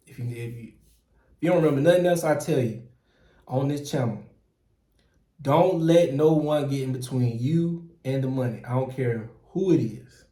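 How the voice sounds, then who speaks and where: A middle-aged man from Mississippi, giving earnest, animated advice as a channel host in casual talk. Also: medium pitch. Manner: earnest and animated, frequent "man" and "you know", restarts, chuckles. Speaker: process operator and channel host. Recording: roomy echo.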